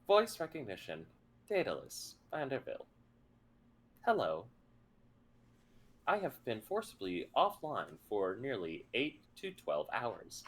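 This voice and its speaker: A game master voicing a flat, robotic machine voice that speaks inside a character's head, giving clipped, monotone status reports. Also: medium pitch, slow, long pauses, exaggerated voice. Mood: flat, mechanical. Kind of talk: tabletop game voice acting.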